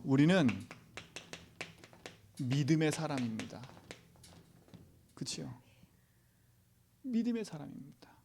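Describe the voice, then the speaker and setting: A male pastor giving a sermon. He asks the congregation rhetorical questions and swings from loud exhortation to near-whispers. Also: medium pitch, a little hiss or hum.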